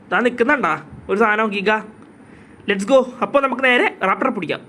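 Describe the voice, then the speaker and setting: A man giving casual, chatty gameplay commentary as a channel host. He keeps addressing his viewers as "guys," and a cough leaves his voice a little hoarse. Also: high voice, fairly quick, bright, forceful tone.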